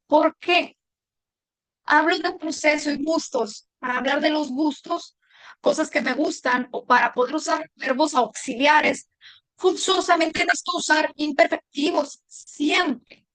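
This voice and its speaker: A woman teaching a language lesson, patient, repeating words slowly and clearly. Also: high-pitched, a bit bright, dry recording, poor audio.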